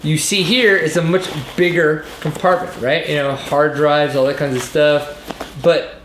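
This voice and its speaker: A man who sounds mildly drunk talks through a product review in a slightly high voice. His delivery is loose and rambling, with drawn-out emphasis and casual swearing. The room is echoey, with faint noise behind him. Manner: casual swearing and slangy exclamations.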